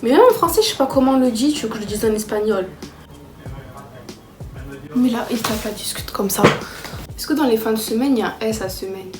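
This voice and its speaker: A young woman vlogger chatting casually to camera, self-mocking and excitable. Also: on the high side, a little fast, long pauses. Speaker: vlogger tracking her language learning. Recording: roomy echo with background music.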